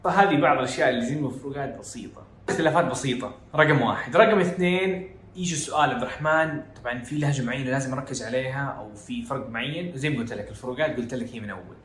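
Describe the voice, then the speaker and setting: Rapid-fire and fairly bright at a medium pitch, the Saudi podcast host mixes English phrases into his Hejazi-accented Arabic on a casual educational show. The man is from Jeddah. There is an echo in the room and slight background noise.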